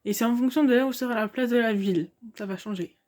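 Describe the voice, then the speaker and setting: A woman's voice: fairly high pitch, fast talker, a little mellow. A young woman giving casual commentary on a video game, hesitant and thinking aloud with many fillers.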